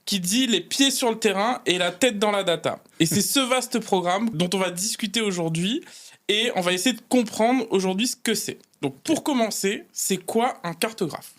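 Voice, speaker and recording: A man hosts an interview, posing friendly questions with the odd hesitant filler. His voice sits notably high for a man. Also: moderate pace, fairly bright tone. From Réunion. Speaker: podcast host.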